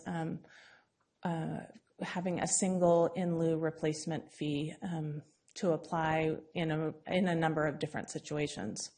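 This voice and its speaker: Woman staff presenter, low monotone voice, measured and hesitant with fillers. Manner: measured, frequent ums, explanatory.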